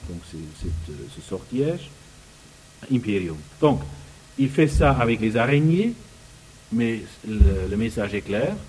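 Halting man reading and commenting. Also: mid-range voice, darkish tone, slight background noise, rough recording. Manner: halting, often searching for words. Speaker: speaker commenting on a book. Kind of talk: reading passages aloud and commenting.

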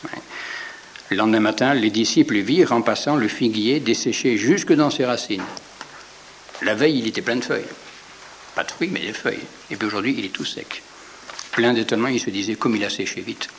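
A man's voice: medium pitch, fairly quick, long pauses, a little hiss or hum. A man preaching in an informal, conversational way, retelling a scripture story with frequent asides and repeated words. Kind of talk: informal sermon retelling the Gospel.

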